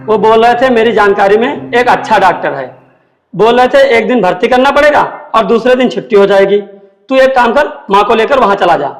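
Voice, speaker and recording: A man's voice: sits high, roomy sound, faint music behind, lightly acted, low-quality recording. A man playing a busy, dismissive husband who is focused on his work. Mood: instructing. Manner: dismissive, hurried.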